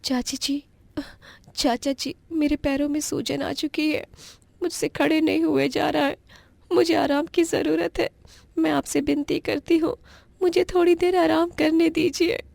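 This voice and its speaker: A woman voicing a frail young orphan woman who pleads in a high, tearful wail. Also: level tone, measured pace, gravelly, a little mellow, dry recording, exaggerated voice. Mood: pleading.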